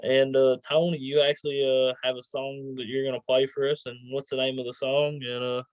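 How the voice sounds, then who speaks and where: A man's voice: medium pitch, flat delivery, fairly quick, clear, resonant tone, dry recording, muffled recording. A man hosting a casual interview in an informal way, stumbling over his words. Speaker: talk show host.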